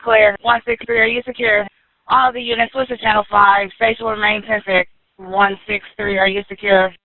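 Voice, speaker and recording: A man's voice: high voice, flat delivery, no echo. A man working as a police dispatcher, speaking in clipped radio codes over a walkie-talkie. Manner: clipped, brisk code-speak. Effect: heard over a police walkie-talkie radio. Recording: tinny, dry radio channel.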